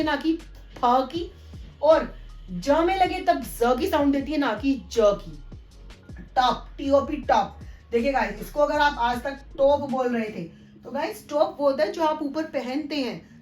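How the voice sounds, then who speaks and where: A woman teaching English pronunciation, spelling words out letter by letter and slowly correcting common mistakes. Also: high-pitched, darkish tone, reverberant, low-quality recording. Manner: corrective, addresses viewers as guys. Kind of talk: spoken English pronunciation lesson.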